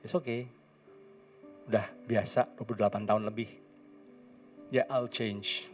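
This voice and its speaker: A man's voice: lowish voice, fairly even intonation, measured pace, distant mic, faint music behind. A male pastor, preaching a sermon in a church and mixing English phrases into his with playful asides. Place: church hall.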